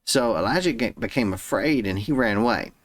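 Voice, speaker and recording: A man with a fairly low voice retells Bible stories in an easy, conversational way. He paraphrases loosely as he goes, and the sound is dry and close. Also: expressive, a little fast, no echo. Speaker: Bible reading host. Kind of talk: casual Bible story retelling.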